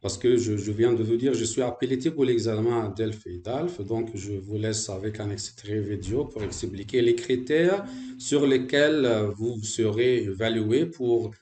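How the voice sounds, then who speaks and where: A man's voice: lowish voice, a little slow, dark tone, reverberant, slight background noise. A man from Egypt, a French language teacher, gives a hesitant talk to fellow teachers with many fillers and restarts.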